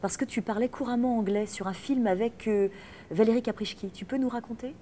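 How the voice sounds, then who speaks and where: A woman's voice: on the high side, a little fast, dark tone, a little hiss or hum. A woman host interviews a voice actress with brief, friendly questions and wraps up the show. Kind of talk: radio-style interview.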